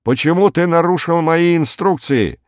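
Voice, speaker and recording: A man voices a sarcastic male commander at a distant base, speaking in an audiobook. His replies are curt and biting, pitched high above the narrator's own register. The recording is dry and close-miked. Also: lively intonation, normal speed, no echo, natural voice. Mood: sharp.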